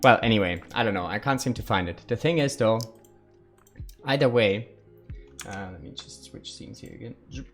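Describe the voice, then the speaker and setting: A man's voice: on the low side, moderate pace, fairly bright tone, faint music behind. A man live-streaming a survival game, thinking aloud and chatting casually with his viewers.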